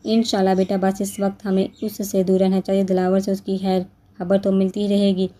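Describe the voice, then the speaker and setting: A woman voicing a gentle, loving middle-aged mother who speaks softly and affectionately. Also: mid-range voice, completely flat delivery, lightly acted. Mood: tender. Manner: soft, affectionate.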